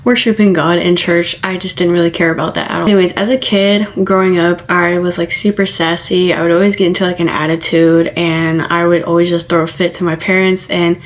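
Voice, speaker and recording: A woman's voice: fairly low pitch, fairly even intonation, brisk, few pauses. A woman in her early twenties, seated for a sit-down testimony talk, rambling casually and saying "like" a lot. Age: 20s. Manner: casual, rambling, heavy use of "like". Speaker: vlogger. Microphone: camera mic, seated.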